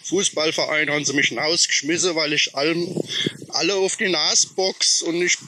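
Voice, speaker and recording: A man voicing a small, dejected young man who talks slowly and whines. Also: fairly high pitch, steady tone, pushed and bright, slight background noise. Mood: glum. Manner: whiny, slow and mopey.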